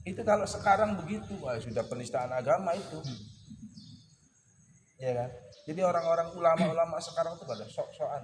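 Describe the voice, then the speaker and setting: A man teaching a casual weekly religious study session, joking and teasing his listeners and clearing his throat often. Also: on the high side, animated, a little fast, long pauses, background noise. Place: boarding school study hall. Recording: echoey hall with clear birdsong and ambience.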